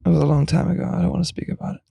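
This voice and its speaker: A man with a fairly high, gravelly voice chats playfully on a podcast. He laughs often, close to a dry mic. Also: steady tone, racing, mellow, no room sound. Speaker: podcast host. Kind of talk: casual chat.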